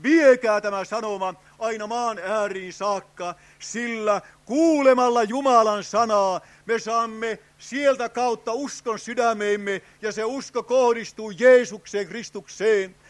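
Older man, preacher, evangelistic sermon, very high-pitched, fervent appeals. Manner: fervent, with frequent drawn-out "oh" cries and direct appeals to "friends". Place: revival tent meeting.

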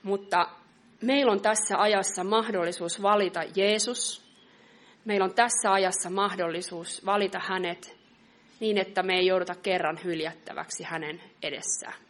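A middle-aged woman preaching a sermon in an earnest, measured way, reading scripture slowly. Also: mid-range voice, steady tone.

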